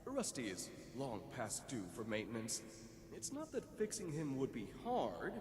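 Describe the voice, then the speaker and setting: A man's voice: mid-range voice, huge pitch swings, unhurried, noisy background. An actor playing a businesslike male vault deputy overseer in a video game, handing out tasks with dry skepticism, heard as echoey game audio. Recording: echoey game audio with long reverb and ambience.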